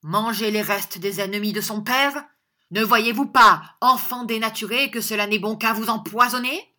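A woman doing a loud, menacing old schoolmaster. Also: fairly low pitch, measured pace. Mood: furious. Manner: shouting, sneering and threatening. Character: menacing scheming older male schoolmaster.

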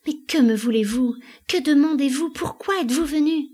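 A woman playing a haunted, frantic wife, husky. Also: medium pitch, moderate pace, lightly acted. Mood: terrified. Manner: pleading, panicked outbursts. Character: anguished haunted married woman. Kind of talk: dramatic play reading.

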